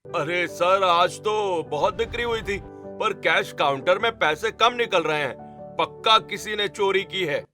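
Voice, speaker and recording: A man voices a snobbish store worker in an animated story. He talks in a snide, bossy manner with a high, sharp voice that has a bright edge. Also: unhurried, faint music behind. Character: snobbish male pizza store staffer.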